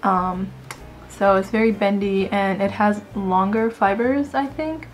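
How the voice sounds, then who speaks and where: A woman's voice: mid-range voice, a little slow, faint music behind. Chatty, giggly woman beauty vlogger. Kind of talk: casual product review to camera.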